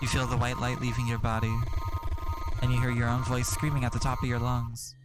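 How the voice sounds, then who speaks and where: A man's voice: mid-range voice, monotone, fairly quick, music in the background, rough recording. A man streaming a narrative game, reading its text aloud and breaking off for sarcastic, profane asides.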